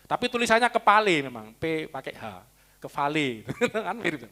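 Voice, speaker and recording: Animated, bright-voiced pastor preaching. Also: male voice, fairly high pitch, moderate pace. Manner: teaching, explains original-language words with asides. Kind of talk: sermon.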